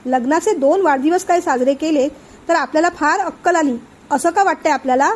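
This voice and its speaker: A woman's voice: high voice, a little fast, natural voice. A woman reading a teasing, level-headed young wife. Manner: teasing, jokey.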